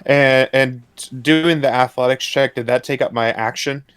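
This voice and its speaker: Male tabletop player, smooth clear voice, medium pitch, casual game chat. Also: fairly even intonation, measured pace, fairly bright tone.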